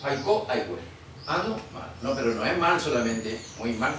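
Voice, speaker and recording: A man's voice: mid-range voice, animated, fairly bright tone, a little hiss or hum. Man teaching, echoey far room. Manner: explanatory, quizzes students, repeats words slowly. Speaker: guaraní teacher. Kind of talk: classroom lecture. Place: museum classroom.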